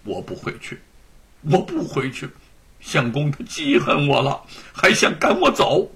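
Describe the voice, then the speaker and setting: A man's voice: on the high side, wildly swooping pitch, measured pace, vocal fry, sharp tone, slightly rough, full character voice. A man voicing a grieving young wife who reproaches her husband in a raised voice. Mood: hurt. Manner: accusing, raised voice.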